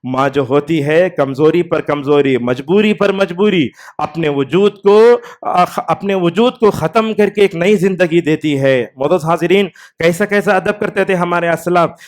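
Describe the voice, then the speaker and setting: A man's voice: fairly high pitch, normal speed, few pauses. A man delivering a Friday sermon in a mosque, telling stories with a voice that rises and falls with the tale. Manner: storytelling preacher, voice rising and falling with the tale. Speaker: preacher.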